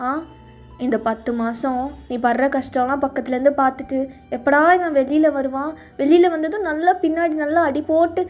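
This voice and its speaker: A woman voicing a gentle, loving young husband who soothes his pregnant wife in a fan audio drama, with soft music behind. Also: high-pitched, close to an everyday voice. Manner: soothing, reassuring.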